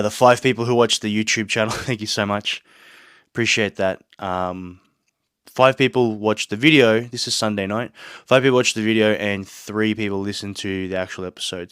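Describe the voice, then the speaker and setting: Sick with a blocked nose and a sore throat, a man hosts his podcast alone from a small home studio, delivering an earnest, motivational monologue full of rambling asides. He speaks at a moderate pace with a steady tone, in a fairly low, smooth, slightly bright voice, with no room sound.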